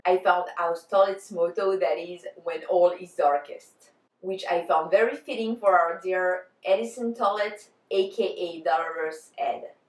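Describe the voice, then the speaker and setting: A woman's voice: medium pitch, darkish tone. A woman vlogger giving semi-scripted talk to camera in an articulate, bookish way. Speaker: vlogger answering fan tag questions. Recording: echoey room.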